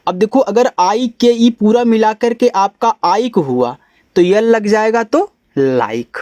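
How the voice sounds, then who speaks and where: A man, teaching English phonics, spelling letters out slowly and sounding words out in a chatty way. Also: sits high, animated, a little mellow, no room sound. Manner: calls the listener brother, chatty teaching. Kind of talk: phonics lesson for beginners.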